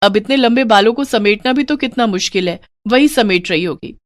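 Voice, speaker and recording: A woman's voice: a little high, fairly quick, no room sound, studio quality, lightly acted. A woman voicing a sly, mocking elder sister-in-law. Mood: covering.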